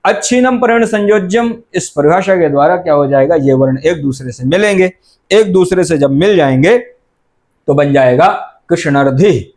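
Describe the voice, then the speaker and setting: A man's voice: a little high, normal speed, a little mellow. A middle-aged man teaching Sanskrit grammar, asking questions and answering them himself and repeating the key terms. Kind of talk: explanatory lecture.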